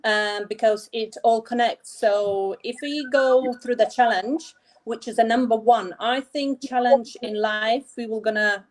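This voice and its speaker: A woman from Latvia, a guest on an online talk, speaking in a hesitant, halting way. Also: fairly high pitch, steady tone, rough recording. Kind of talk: online event chat.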